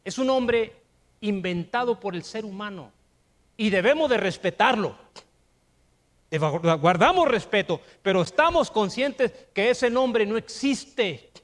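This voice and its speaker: High-voiced older Mexican preacher. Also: male voice, animated, unhurried. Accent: Mexican Spanish. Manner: emphatic preaching, rhetorical questions, rising to shouts. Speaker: pastor. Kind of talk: sermon.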